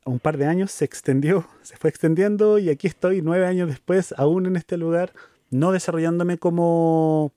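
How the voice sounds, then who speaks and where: A Chilean man in his thirties co-hosting a casual conversation, speaking thoughtfully with pauses and fillers. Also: fairly high pitch, fairly even intonation, warm tone, no echo, clean studio sound. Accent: Chilean Spanish. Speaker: co-host.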